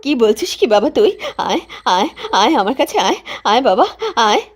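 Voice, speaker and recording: A woman's voice: on the high side, very animated, fairly quick, slightly rough. Woman acting a doting, plaintive mother. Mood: tender, worried. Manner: coaxing, plaintive. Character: doting, distraught mother of a grown son. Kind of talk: cartoon ghost story acting. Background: background music.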